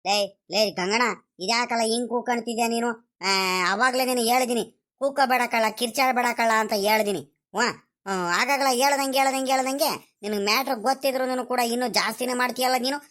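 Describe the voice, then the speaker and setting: A woman voicing a fretful, worried village man who scolds, for an animated cartoon. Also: fairly high pitch, brisk, close to an everyday voice. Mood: scolding. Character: fretful village man, the rich man's brother-in-law.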